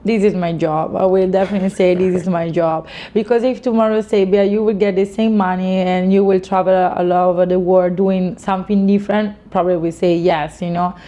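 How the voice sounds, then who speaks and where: Casting: woman, late 20s, Italian accent, soft mellow tone, slightly low voice, casual interviewee, dull recording. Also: flat delivery, brisk, few pauses. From Italy. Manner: informal, non-native English phrasing with frequent "you know". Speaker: interviewee, fashion model.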